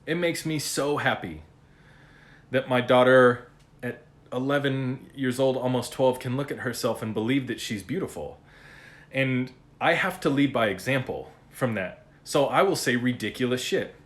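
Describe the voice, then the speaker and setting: A man talks through a casual monologue as a podcast host, blunt and full of cursing. His delivery is animated and unpolished, like everyday speech. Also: mid-range voice, normal speed.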